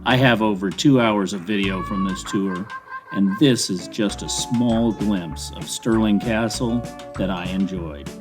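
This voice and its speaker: A man delivers scripted narration for a travel video. His voice sits a little low and he speaks very slowly, with faint music underneath.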